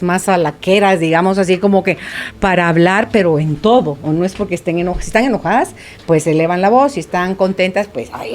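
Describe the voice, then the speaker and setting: A woman hosting a radio talk show, chatty and informal, moving between guest talk and listener messages. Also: fairly low pitch. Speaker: radio podcast host. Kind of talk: casual on-air interview hosting.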